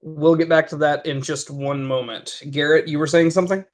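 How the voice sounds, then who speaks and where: Male game master, slightly high voice, halting delivery full of fillers. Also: steady tone. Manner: hesitant, many fillers and restarts. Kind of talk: narrating a tabletop game.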